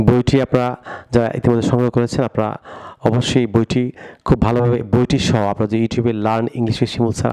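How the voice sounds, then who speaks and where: A man's voice: mid-range voice, dark tone. A man from Bangladesh teaching an online English vocabulary lesson, often addressing viewers and repeating words for them to drill.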